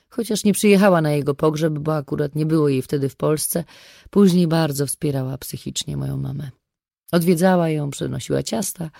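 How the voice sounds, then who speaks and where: A woman's voice: low voice, vocal fry, dark tone, no echo, studio quality. A reader voicing a frank middle-aged woman confiding in a friend in an audiobook. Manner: chatty, confiding. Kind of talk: audiobook reading.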